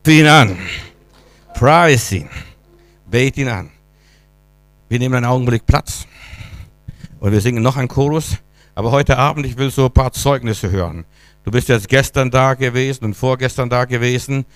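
A man preaching a charismatic sermon with fervour, rising to loud calls and dropping to quiet questions. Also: medium pitch, dry recording. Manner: fervent, swinging between loud exclamations and quiet questions. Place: church hall.

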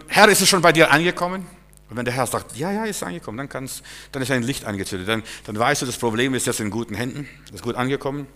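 A man preaching a sermon with fervour, swinging from loud exclamations to hushed asides, often restarting his sentences. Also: mid-range voice. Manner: restarts and stammers mid-sentence.

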